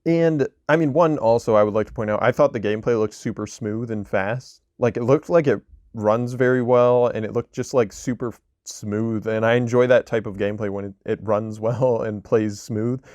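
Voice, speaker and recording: A man's voice: medium pitch, fairly even intonation, normal speed, a little mellow, no room sound. Rambling male co-host, mid-range voice, dry close mic, casual games talk. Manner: rambling, lots of likes and restarts. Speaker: podcast co-host. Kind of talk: casual gaming chat.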